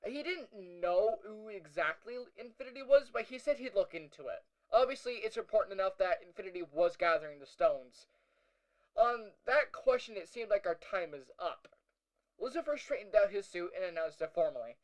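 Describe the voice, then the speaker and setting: Played by a man, a young male hero narrates his own audio log in a high, animated voice at a moderate pace. He sounds pensive, speaking conversationally with slight hesitation as he works things out, and his uneasy storytelling carries dry, wry audio-drama asides. The recording quality is low.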